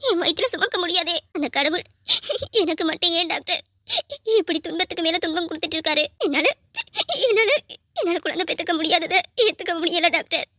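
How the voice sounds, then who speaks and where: A woman's voice: very high-pitched, fairly even intonation, fairly quick, pushed and bright, no echo, clean studio sound. A woman voicing a young married wife who pleads tearfully because she cannot have a child, in a cartoon drama. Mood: grieving.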